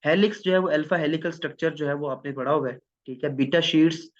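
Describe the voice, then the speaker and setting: Man, lecturing on biochemistry, slightly high voice, dull lo-fi sound. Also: quick pace. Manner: explains step by step, often checks in with "theek hai". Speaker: biochemistry teacher. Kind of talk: classroom lecture. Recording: dull lo-fi recording.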